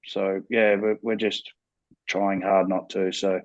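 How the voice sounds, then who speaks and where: On a video call, a guest from a band chats about the group with enthusiasm, full of repeated words and fillers. He speaks slowly in a low, level voice, and the recording sounds dull.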